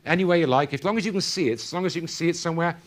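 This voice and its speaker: In a conference hall, a keynote speaker with a slightly high voice delivers a rapid-fire motivational talk, quizzing the audience call-and-response style.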